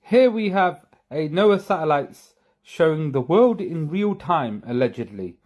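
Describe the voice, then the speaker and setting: A man's voice: fairly high pitch, expressive, a little slow, a little mellow. A man commenting sarcastically over footage he is showing on screen. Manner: sarcastic, mocking. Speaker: video commentator.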